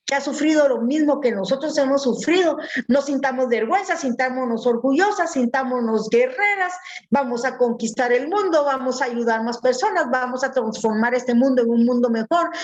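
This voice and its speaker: A woman giving a motivational talk, animated and laughing at herself, acting out the voices she quotes. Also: high-pitched. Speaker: speaker. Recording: dull lo-fi sound.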